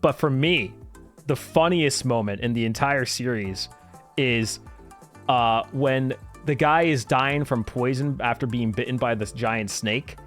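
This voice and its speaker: A man's voice: medium pitch, a little slow, fairly bright tone. Casual enthusiastic male streamer over music. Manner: enthusiastic, profane, laughs while talking. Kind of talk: casual livestream commentary.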